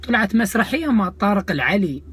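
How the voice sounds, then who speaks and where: A man's voice: sits high, sing-song, quick pace, fairly bright tone, husky. A man with an Iraqi Arabic accent delivering a comic rant to viewers, mocking, indignant and sarcastic in manner. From Iraq. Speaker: comedian host of a video channel.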